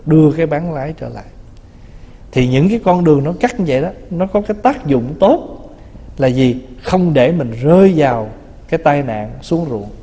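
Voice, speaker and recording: A man's voice: fairly high pitch, warm tone. A man, a Buddhist monk, giving a conversational dharma talk, teasing and acting out little quoted remarks. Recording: long reverb of a hall.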